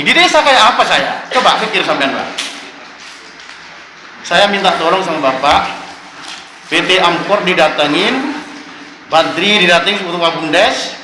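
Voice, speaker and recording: A man, making an impassioned complaint at a council hearing and insistently addressing the officials as "Pak" after nearly every phrase. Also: high voice. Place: council meeting room. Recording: echoey room with steady background noise.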